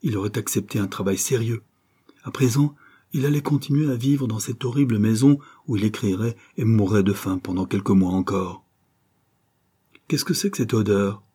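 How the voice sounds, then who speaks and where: A man narrating a classic novel as an audiobook in a measured, expressive manner. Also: fairly low pitch, slightly rough.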